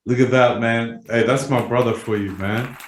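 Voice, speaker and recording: A man's voice: mid-range voice, fairly even intonation, normal speed. A man hosting a podcast in casual, effusive, slang-heavy interview chat, peppering his speech with bro and man. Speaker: podcast host. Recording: roomy echo with faint music.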